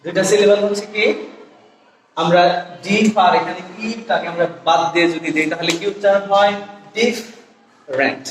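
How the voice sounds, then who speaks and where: High-voiced man teaching pronunciation, echoey. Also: steady tone, fairly bright tone, distant mic. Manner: repeats model words slowly, asks rhetorical questions. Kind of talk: pronunciation lesson. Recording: very echoey room with reverb, faint noise.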